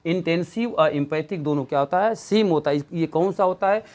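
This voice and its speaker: A man's voice: a little high, fairly quick, a little mellow. A man teaching an English grammar lesson, constantly asking the class questions and answering them himself, with fillers and repeated key words.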